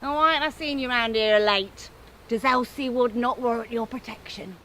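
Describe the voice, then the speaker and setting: Scolding old crone witch, northern English, sharp-voiced. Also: a little high, normal speed, slight background noise, low-quality recording. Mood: mocking. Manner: scolding, taunting, cackling. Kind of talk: theatrical character storytelling.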